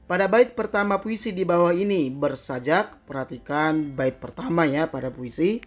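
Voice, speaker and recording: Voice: medium pitch, lively intonation, faint music behind. A teacher reading out quiz questions and answer choices one by one, then explaining each answer, often tagging "ya" after it. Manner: slow, deliberate reading of answer options, tag "ya" after answers.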